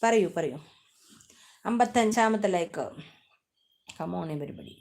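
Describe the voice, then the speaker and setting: A woman hosting a casual live stream, chatting warmly with viewers, greeting them by name, teasing them and asking for likes. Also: medium pitch, lively intonation, slow. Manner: affectionate, teasing.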